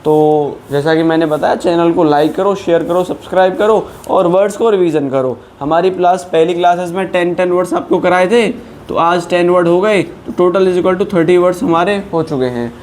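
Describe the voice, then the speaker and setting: A man teaching vocabulary, explaining word meanings in Hindi and reading example sentences slowly. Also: sits high, darkish tone, slight background noise. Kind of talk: exam-prep vocabulary lesson.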